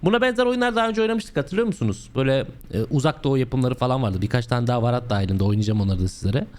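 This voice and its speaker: A young man with a slightly hoarse voice from a sore throat, chatting his way through a horror game as host, joking and breaking into loud exclamations. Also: medium pitch, expressive, racing. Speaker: gaming channel host. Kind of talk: let's play commentary.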